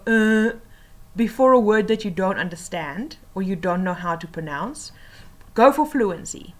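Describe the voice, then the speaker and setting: A woman teacher explaining tips for oral reading assessments, patiently and with many pauses and fillers. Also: medium pitch.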